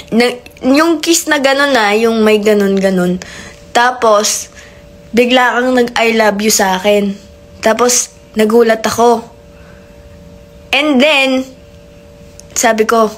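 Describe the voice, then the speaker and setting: A woman from the Philippines hosts a live stream and tells a long, playful made-up story. She talks slowly and rambles as she goes. Her voice sits a little high. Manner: playful, rambling, mixes Tagalog and English.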